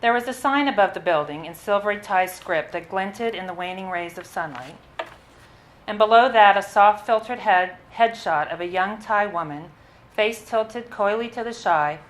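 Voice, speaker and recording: Reading a first-person piece she wrote, a woman performs at a live literary event with a mid-range voice, steady and expressive, with the occasional minor slip. The low-quality recording carries a faint hiss or hum.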